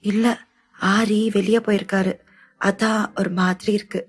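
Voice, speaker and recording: A dreamy, sulky young wife. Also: female voice, medium pitch, moderate pace, slightly rough. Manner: soft, whiny when missing her husband. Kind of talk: audiobook character dialogue.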